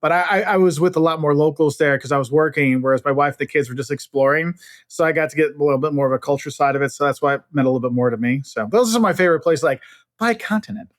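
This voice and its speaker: A middle-aged man from Illinois, United States, talks at a quick pace in a fairly high voice, recorded dry with clean studio sound. He's a travel expert guest in a casual interview, telling animated stories full of acted-out dialogue.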